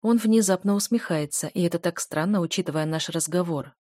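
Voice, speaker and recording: A woman's voice: on the low side, fairly quick, mellow, no room sound, studio quality. A woman narrating a first-person romance audiobook in an emotive reading style.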